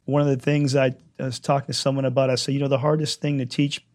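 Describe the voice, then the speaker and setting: A man leading prayer and preaching a sermon, his voice hoarse while it recovers, given to emphatic repetition. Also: medium pitch, little pitch movement, quick pace, a little mellow. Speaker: congregation leader.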